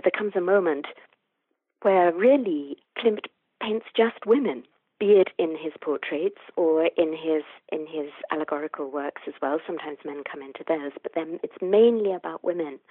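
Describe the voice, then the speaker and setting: A woman's voice: on the low side, husky, no room sound. A woman art historian answering interview questions thoughtfully, often restarting her phrases. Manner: thoughtful, with frequent restarts and hedging fillers. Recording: tinny phone line, dry.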